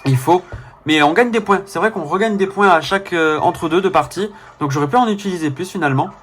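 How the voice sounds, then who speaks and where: A man's voice: high voice, a little fast, a bit bright, soft background music. A young man with a faint southern French accent, casually commenting on a game he plays, rambling with fillers and self-corrections. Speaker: let's player.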